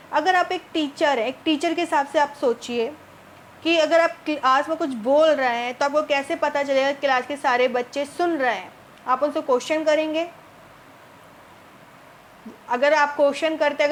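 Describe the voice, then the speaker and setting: A woman's voice: high voice, a little hiss or hum. A woman teacher, explaining multiple-choice exam questions and asking her students rhetorical questions as she goes. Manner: reads English options slowly, then explains in Hindi with rhetorical questions. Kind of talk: exam-prep lesson walking through multiple-choice questions.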